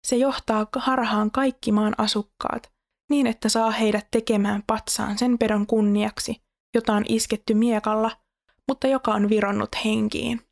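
A woman reads scripture aloud at a steady, measured pace. Her voice sits somewhat high but stays level and monotone, with a gravelly fry running through it.

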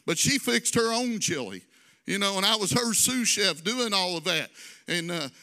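Man, pastor, high voice, very bright tone, sing-song sermon delivery, folksy asides. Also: animated, normal speed. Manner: preachy, conversational, with sung-out phrases and folksy asides.

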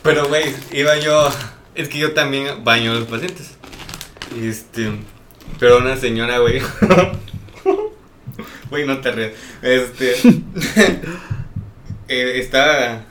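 A man's voice: medium pitch, fairly even intonation, takes it slowly, pauses often, a bit bright, slight background noise. A man with a Mexican accent, a nurse, chatting casually on a podcast in slangy speech full of filler words. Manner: slangy, peppers speech with "güey", laughs while telling stories.

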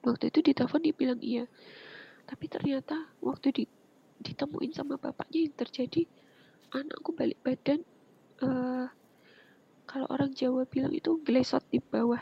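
A woman, earnestly telling her personal story as an interview guest, often dropping into a soft breathy whisper. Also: high voice, fairly even intonation, moderate pace, long pauses. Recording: muffled lo-fi with faint background noise.

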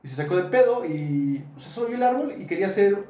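A man with a Mexican accent and a high voice, chatting with friends. He tells a story loosely, backtracking and correcting himself as he goes. The room is echoey. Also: fast talker. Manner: laughing, self-correcting, animated retelling. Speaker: podcast host telling a story. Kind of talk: casual storytelling chat.

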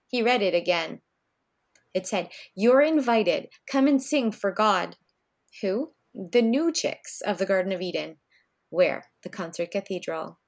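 A woman, a guest author, reading her children's storybook aloud with expressive storytelling. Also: lowish voice.

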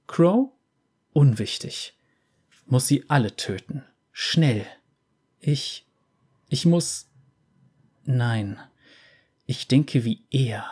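A man's voice: mid-range voice, a little mellow, breathy edge, full character voice. A man voicing a cunning, sardonic female pirate captain. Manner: sardonic, calculating inner voice.

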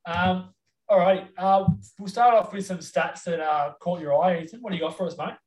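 A man's voice: sits high, fairly even intonation, moderate pace. A man with an Australian accent hosting a casual sports chat. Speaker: podcast host. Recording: roomy echo, distant microphone.

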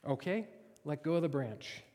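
A man voicing God in a joke, speaking calmly and reassuringly. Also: fairly high pitch, normal speed, long reverb tail, natural voice. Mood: firm. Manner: calm, reassuring. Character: calm, gently amused male God voice.

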